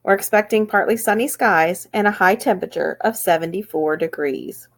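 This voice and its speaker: A woman's voice: medium pitch, moderate pace. A woman reading school morning announcements in an upbeat, sing-song way.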